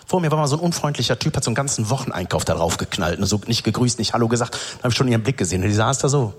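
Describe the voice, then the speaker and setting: A man's voice: mid-range voice, rapid-fire, slightly rough. A man hosting a comedy show on stage, telling stories and acting out the people in them. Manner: animated storyteller, acts out quotes. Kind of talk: stand-up storytelling and hosting. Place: stage before a live audience.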